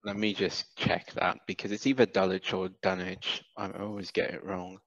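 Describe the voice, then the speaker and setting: A Welsh-raised British man in his thirties, who founded a cap business, chats as an interview guest over a video-call headset. His low, gravelly voice comes through relaxed and halting, full of fillers and restarts. The audio from the indoor room is dull and dry.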